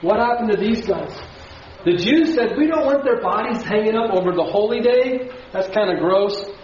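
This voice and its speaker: A high-pitched, slightly mellow male voice with lively intonation preaches at normal speed, asking the congregation questions as he builds emphasis. Captured from a distance in an echoey church sanctuary, the recording sounds dull and carries a little hiss or hum.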